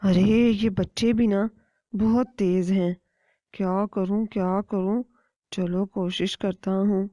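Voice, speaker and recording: A woman's voice: medium pitch, steady tone, mellow, no echo, natural voice. A woman voicing a scheming, hungry male kite bird villain in a cartoon story, muttering his plans in a growl. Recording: dry, dull lo-fi recording.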